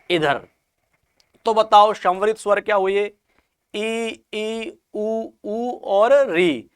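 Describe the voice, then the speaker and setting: A man's voice: sits high, fairly bright tone, smooth. A man teaching a classroom lesson, asking questions and answering them himself, and stretching out sounds to demonstrate them.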